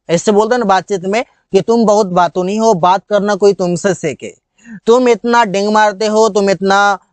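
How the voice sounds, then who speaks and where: A man teaching vocabulary, explaining in Hindi and saying each example sentence slowly and deliberately. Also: high-pitched, no room sound. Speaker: English teacher. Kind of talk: bilingual vocabulary lesson.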